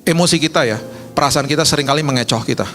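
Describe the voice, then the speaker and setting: A male pastor preaching a sermon in a casual, conversational way, telling stories with lively swings in pitch. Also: rapid-fire, faint music behind. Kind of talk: sermon with storytelling.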